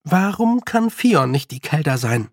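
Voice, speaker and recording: A headstrong young girl, insistent and full of questions, as a male narrator puts her on. The voice is raised and slightly gravelly, close and dry. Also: a little high, sing-song, unhurried, dry recording, full character voice.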